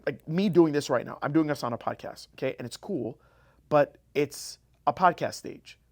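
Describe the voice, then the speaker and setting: A man's voice: fairly high pitch, moderate pace, darkish tone. A man hosting a solo motivational podcast, talking energetically and emphatically by himself in a room and repeating his key phrases. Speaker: podcast host. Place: room, alone.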